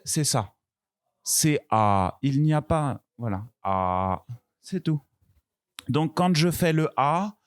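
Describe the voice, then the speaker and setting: Male language teacher, slow patient delivery, repeats each word for beginners, dry room. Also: fairly high pitch, dry recording. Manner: slow, patient, repeats words and sounds clearly. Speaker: French teacher. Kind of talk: beginner pronunciation lesson.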